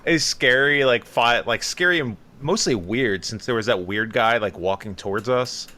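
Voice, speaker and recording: A man's voice: mid-range voice, moderate pace, sharp tone. A man in his thirties, a podcast co-host telling stories in casual chat and acting out other people's voices.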